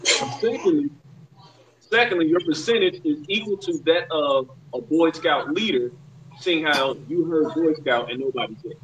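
A man on a podcast, laying out his jokes deadpan and point by point. His voice sits a little high. A faint hiss of room noise stays under him. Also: normal speed, roomy sound, distant mic, low-quality recording. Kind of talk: casual banter.

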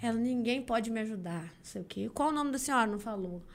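A young woman from Brazil, a singer guesting on a podcast, telling a story in a casual, animated way and acting out the voices of the people she quotes. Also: a little high, fast.

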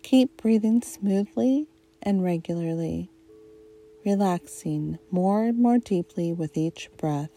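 Very slow, mellow hypnotist-like woman. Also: lowish voice, soft background music. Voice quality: soft, mellow. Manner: slow, soothing, hypnotist-like delivery with long pauses. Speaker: guided meditation narrator. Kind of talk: guided relaxation meditation.

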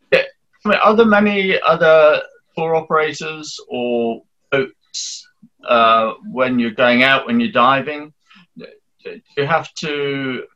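A man's voice: medium pitch, bright, forceful tone. A man interviewing guests, asking questions hesitantly with stammers and restarts. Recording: dull lo-fi sound.

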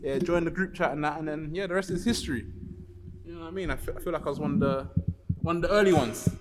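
A man's voice: a little high, quick pace. A man chatting casually and slangily as a podcast guest. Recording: echoey room, clearly noisy.

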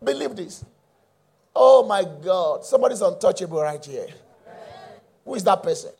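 A middle-aged man preaching a sermon, using call-and-response and bursting into shouts. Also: high-pitched, lively intonation, moderate pace, creaky, slightly rough. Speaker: pastor.

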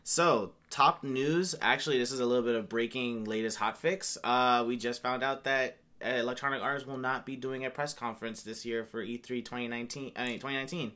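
A man in his late twenties co-hosting a casual podcast. He talks bluntly and critically, padding his thoughts with fillers and hedges. His voice sits at an ordinary, middling pitch. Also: steady tone, brisk, few pauses, bright, forceful tone. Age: 20s. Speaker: podcast co-host. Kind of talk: casual chat.

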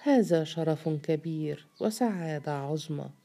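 A woman's voice: low-pitched, measured pace, vocal fry, mellow, full character voice. A woman voicing a wary, clever man who speaks politely and with care, in an audiobook story. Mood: guarded. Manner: polite and guarded.

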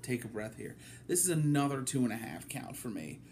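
A man hosting a casual wrestling review from his apartment, talking it through in a halting way with many ums. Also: medium pitch, very animated, a little mellow, slight background noise. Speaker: wrestling podcast host.

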